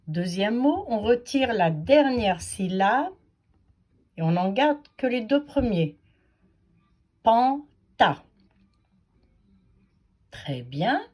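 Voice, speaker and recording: Female teacher for a kids' reading lesson: patient, sing-song delivery, slightly high voice with a bouncy, animated melody. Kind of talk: children's phonics lesson.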